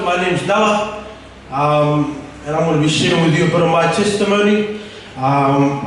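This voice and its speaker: A man's voice: fairly high pitch, a little hiss or hum. A young man from Tonga telling his life story as a church testimony on a stage with a handheld mic, casual and rambling with many fillers. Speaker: church member giving testimony. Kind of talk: personal testimony talk. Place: church stage, large room. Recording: echoey hall from far off.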